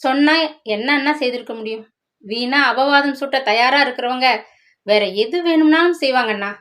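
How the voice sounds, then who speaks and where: A heartbroken young wife from a storybook, as a woman voices her speaks with sorrow and quiet resolve. Her voice sits a little high. She sounds wounded yet steady. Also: moderate pace. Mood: sorrowful.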